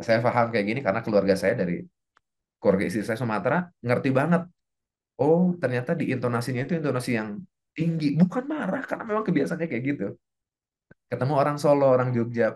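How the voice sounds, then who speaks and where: A man coaching a class in an earnest religious self-development talk, speaking straight to his listeners and dropping at times into hushed, slow prayer-like passages. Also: mid-range voice. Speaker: motivational coach teaching a class.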